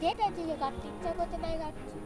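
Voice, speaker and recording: A woman's voice: extremely high pitch, quick pace, over music. A woman talking outdoors in insistent, upset retorts.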